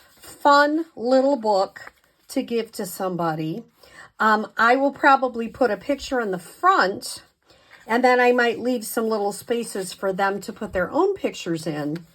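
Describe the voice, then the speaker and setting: A woman hosts a casual craft tutorial in a fairly high voice. She takes her time, explaining each step in a chatty, slightly hesitant way. Her speech carries a slight lisp, like someone fresh from dental work. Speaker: craft demonstrator and video host.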